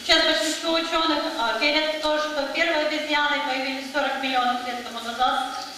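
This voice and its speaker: A woman's voice: high-pitched, little pitch movement, fairly quick, sharp tone. A woman interpreting a public lecture consecutively, delivering it in short phrases. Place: museum lecture hall. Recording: echoey hall, distant mic, noisy.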